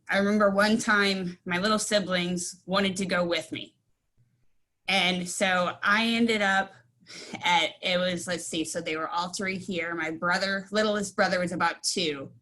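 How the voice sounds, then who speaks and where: A woman's voice: on the low side, steady tone, a little slow, pushed and bright. Friendly, rambling woman telling a story on a call. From central Illinois. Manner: friendly, rambling, with many fillers. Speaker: meeting participant. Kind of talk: casual storytelling. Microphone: video call.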